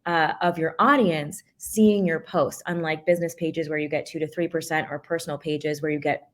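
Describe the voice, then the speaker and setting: A woman co-hosts a live business-coaching webinar. Her voice sits a little low, and she explains things with eager energy, sometimes tripping over a phrase and starting it again. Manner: energetic, fast explanations with quick restarts.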